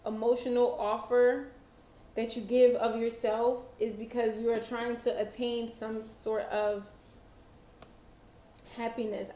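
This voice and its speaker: Woman tarot reader, slow and reflective, mellow tone, roomy echo. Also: a little high, slight background noise. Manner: slow, reflective, channeling-style delivery. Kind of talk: tarot reading.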